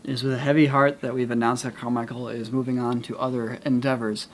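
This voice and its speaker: A man's voice: medium pitch, level tone, fast. A man hosting a video, explaining in a straightforward, earnest way what a job requires. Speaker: host explaining a job opening. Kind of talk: casual explanatory talk.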